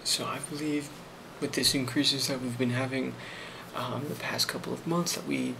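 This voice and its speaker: A man with a steady, medium-pitched voice role-plays a company boss giving a performance review in an ASMR clip. He keeps things soft, often near a whisper, and stumbles through improvised lines with many ums while background noise is plainly heard.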